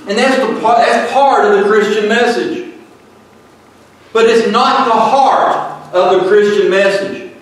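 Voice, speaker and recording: A man preaching a sermon and reading scripture aloud, emphatic and deliberate, with short asides to the congregation. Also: high voice, steady tone. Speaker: pastor. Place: church sanctuary. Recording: echoey hall, mic at a distance.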